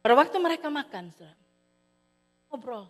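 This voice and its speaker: A woman preacher telling a story in a sermon, animated, acting out the characters' voices. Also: high-pitched, a little fast, faint music behind. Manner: animated, acts out characters' voices, addresses listeners as "saudara". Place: church hall. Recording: long hall reverb.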